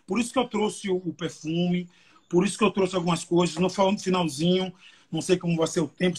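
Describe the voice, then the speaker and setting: A fairly high, slightly rough male voice with a Brazilian Portuguese accent belongs to an evangelist preaching at a youth service streamed live from church. He is emotional and conversational, using many fillers.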